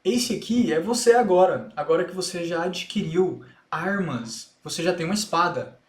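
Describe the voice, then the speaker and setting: A man's voice: high-pitched, lively intonation, normal speed. A man with a Brazilian Portuguese accent, an English teacher explaining a learning method step by step in an online lesson. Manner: patient, step-by-step explaining, repeats English lines to demonstrate. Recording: echoey room sound.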